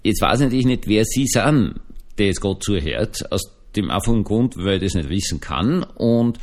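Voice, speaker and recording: A man's voice: lowish voice, expressive, moderate pace. A male Protestant pastor with an Austrian German accent, talking casually and folksily to his online listeners, just back on his feet after being ill. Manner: chatty, rambling, folksy, addresses listeners directly. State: recovering from illness. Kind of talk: casual spoken podcast reflection.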